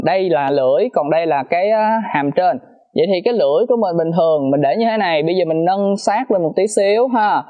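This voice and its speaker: A man teaching a pronunciation lesson, repeating sounds slowly and emphatically to demonstrate them. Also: high-pitched, dull audio.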